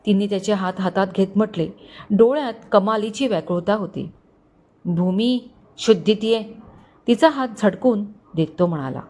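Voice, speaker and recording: A woman storyteller reading a scripted romantic suspense story with even delivery. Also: medium pitch, a little fast.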